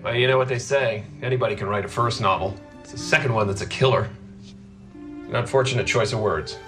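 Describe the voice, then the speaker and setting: A man's voice: fairly low pitch, brisk, music in the background, lightly acted. An actor playing a wry man in a naturalistic TV drama. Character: wry man sharing gossip about a literary rival.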